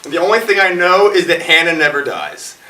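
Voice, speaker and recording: A playwright and director in his twenties answers audience questions in a rambling, jokey, informal way, his fairly high voice swooping wildly in pitch at a fairly quick clip. The mic sits far off in an echoey indoor performance space, and the recording is noisy.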